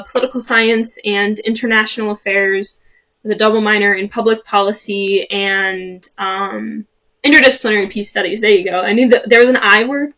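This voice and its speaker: A woman's voice: mid-range voice, fairly bright tone, highs cut off. A young woman from the Chicago suburbs, about to start college, talking earnestly to camera in a chatty vlog with many fillers and restarts. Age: young adult. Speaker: vlogger. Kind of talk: casual talk to camera.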